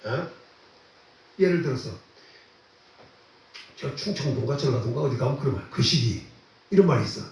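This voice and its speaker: A man preaches a sermon in a chatty, questioning way, stressing points by repeating himself. His pitch moves about a lot. He sounds far from the microphone in a strongly echoing church. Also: lively intonation, fairly quick, long pauses, mellow. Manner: conversational preaching with rhetorical questions; repeats phrases for emphasis. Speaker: pastor. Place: church sanctuary. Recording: very echoey and distant from the mic.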